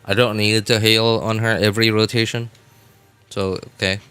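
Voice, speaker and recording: In casual gaming stream commentary, a man chats informally with viewers and mutters asides to himself, staying relaxed. His lowish voice is smooth, pushed and bright, with little pitch movement, and he talks at normal speed.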